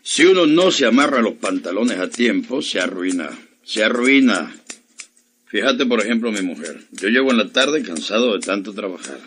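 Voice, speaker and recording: A man's voice: fairly low pitch, animated, moderate pace, fairly bright tone, a little hiss or hum. A man playing a boastful chatty barber. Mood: bragging. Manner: boastful, talkative. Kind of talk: radio play acting.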